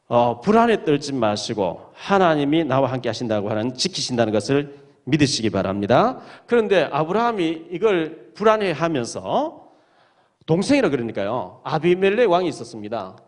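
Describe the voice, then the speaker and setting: Animated preaching man, higher voice. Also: normal speed. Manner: lively preaching, reading verses aloud and retelling them dramatically. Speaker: pastor. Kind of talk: sermon. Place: church sanctuary.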